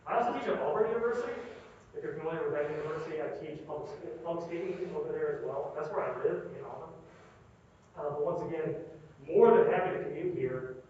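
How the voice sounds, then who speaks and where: A man's voice: a little high, quick pace, a little mellow. A man lecturing a university class through a face mask, repeating points for emphasis and often checking in with his students. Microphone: distant room microphone. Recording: muffled, noisy, very echoey distant room recording.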